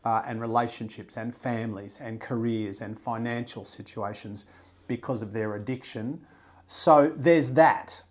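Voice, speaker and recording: In this casual podcast conversation, the male host talks a little slowly in a mid-range voice. He comes across blunt and emphatic, swears freely, stays animated, and often restarts or uses fillers.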